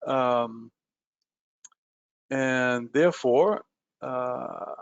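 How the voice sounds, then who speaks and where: A man's voice: mid-range voice, very slow, vocal fry, no room sound. A man leads a live trading webinar, speaking straight to his listeners with plenty of "uh" and "um" as he goes. His voice sits in a middling register. The audio is dry and a little muffled, like a basic webinar feed. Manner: conversational, many "uh" and "um" fillers, addresses listeners directly. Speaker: webinar presenter.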